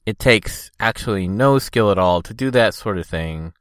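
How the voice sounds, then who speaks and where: A man's voice: fairly low pitch, expressive, normal speed, dry recording, studio quality. A man hosting a casual solo podcast, rambling informally, congested with a cold and talking a little thickly from a swollen tongue. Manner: informal, loosely hedged rambling. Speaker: podcast host.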